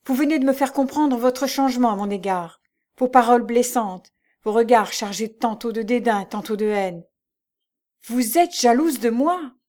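A poor young working woman speaks high and loud, her voice swelling with proud indignation, as a woman plays her while reading a novel aloud. Her words come heated, declaring and refusing. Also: expressive, moderate pace, close to an everyday voice. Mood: indignant. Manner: bewildered, then fiercely indignant and impassioned.

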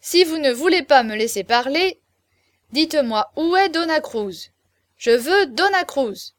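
A woman's voice: high voice, animated, moderate pace, dry recording, studio quality. A woman reading as a drunk, insistent young nobleman. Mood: tipsy, insistent.

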